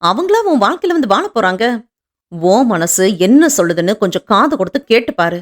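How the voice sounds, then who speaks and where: A woman voicing a sharp-tongued young sister who scolds briskly and insistently. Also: mid-range voice, very animated, close to an everyday voice. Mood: scolding.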